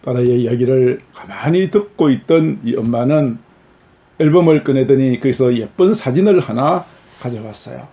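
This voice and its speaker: A man's voice: medium pitch, moderate pace, warm tone, muffled recording. A male pastor giving a sermon and telling illustrative stories in an earnest manner, with emphatic rises in his voice.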